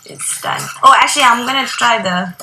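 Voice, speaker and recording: Woman, guest cook, friendly, relaxed, bright slightly high voice, echoey studio. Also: brisk. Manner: friendly, relaxed, many fillers. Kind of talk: casual chat while cooking on TV. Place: TV studio kitchen.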